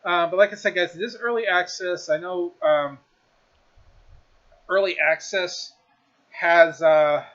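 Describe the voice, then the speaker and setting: A man chats through a relaxed review of a game he has been streaming, stumbling over restarts and fillers as he goes. His voice sits a little high for a man. The stream audio is a bit dull and lo-fi. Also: a little slow, pauses often. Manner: rambling, many fillers and restarts. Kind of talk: casual game review chat.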